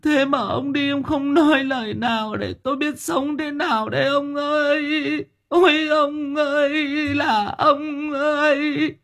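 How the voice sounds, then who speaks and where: A man's voice: little pitch movement, racing, hardly any pauses, mellow. A man voicing an old village widow who wails and stammers over her husband's coffin. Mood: wailing. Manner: shrill sobbing lament, stammering repeats.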